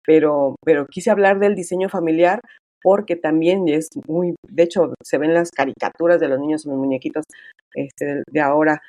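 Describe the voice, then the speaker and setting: A middle-aged woman speaking as an author being interviewed, in a chatty, casual manner with many fillers and lively quoted dialogue. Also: sits low, moderate pace, dry recording.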